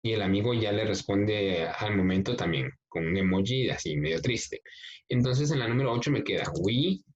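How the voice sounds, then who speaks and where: A male English teacher, explaining a workbook lesson slowly, step by step, and reading the exercises aloud. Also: fairly low pitch, lively intonation. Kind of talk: recorded class explanation. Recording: dull lo-fi recording.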